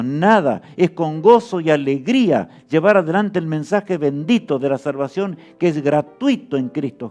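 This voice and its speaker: A man's voice: on the high side, mellow. A man preaching a sermon with fervor, often asking his listeners rhetorical questions.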